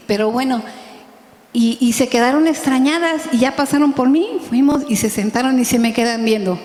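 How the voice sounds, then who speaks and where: Mexican lady preaching, high voice, chatty, keeps asking the crowd "right?", big echoey hall. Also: darkish tone. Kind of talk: sermon. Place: large church hall. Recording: echoey hall with long reverb.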